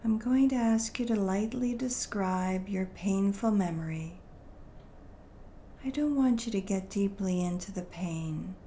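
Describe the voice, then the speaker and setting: In a soothing, gentle way, a mid-range-voiced woman leads a guided meditation, pacing her deliberate phrases with long pauses. There is a little hiss or hum in the recording.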